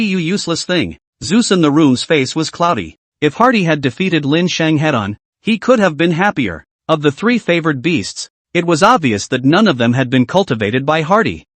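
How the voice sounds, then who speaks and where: A man tells an anime recap with a lively, swooping delivery. His voice sits a little high. The recording is dry and close. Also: no echo. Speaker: narrator.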